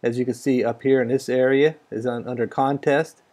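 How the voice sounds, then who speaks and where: A middle-aged American amateur radio hobbyist vlogs casually in a mid-range, darkish voice, speaking a little fast with fairly even intonation. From his small indoor home radio room, noisy with static, he mixes informal talk with radio call-outs.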